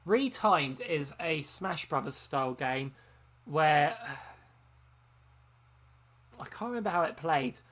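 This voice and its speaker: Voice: medium pitch, animated, takes it slowly, pauses often, a bit bright. A host chatting casually on a long live stream, rambling with frequent ums and self-corrections, sounding tired from hours of talking. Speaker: game channel host.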